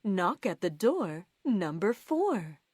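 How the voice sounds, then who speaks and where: Brief: woman bingo caller, very slow and deliberate, lively sing-song pitch, dry close sound. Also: no room sound. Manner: calls each number with its rhyme, slowly and clearly.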